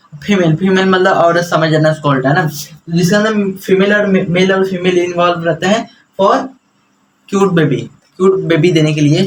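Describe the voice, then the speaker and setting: A man's voice: sits high, a bit bright, slight background noise, poor audio. A young man teaching a class in a chatty, lecturing way, mixing English words into his explanations.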